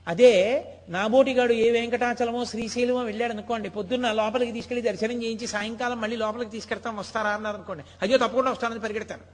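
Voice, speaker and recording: Man preaching a spiritual talk, high voice, big hall echo, lots of rhetorical questions. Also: steady tone, fast. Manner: emphatic storytelling, rhetorical questions. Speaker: spiritual discourse speaker. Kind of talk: devotional discourse. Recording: long hall reverb.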